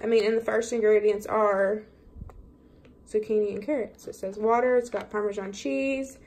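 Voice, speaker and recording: A woman's voice: medium pitch, fairly even intonation, moderate pace, a little mellow. A Southern American woman chatting casually through a grocery haul at her kitchen table, saying lots of "um" and "y'all". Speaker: vlogger. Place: home kitchen table, indoors.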